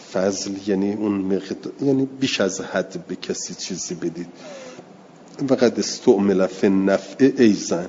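A man teaching a class on a religious text, reading passages slowly and then explaining them plainly while taking students' questions. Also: lowish voice, mellow. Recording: dull lo-fi recording in a long-reverb hall with faint noise.

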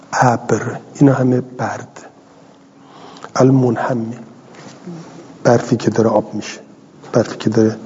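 A middle-aged man teaching a grammar class, reading a line of text and then explaining it slowly and patiently. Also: medium pitch, a little mellow, slightly rough. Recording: dull lo-fi audio in a hall.

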